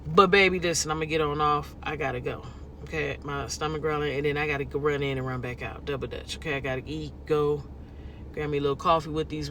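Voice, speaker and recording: A woman's voice: sits low, pushed and bright, a little hiss or hum. A woman from California with a Californian accent, chatting casually to her viewers in a vlog, folksy and talkative, tossing in lots of y'all and okay. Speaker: lifestyle vlogger.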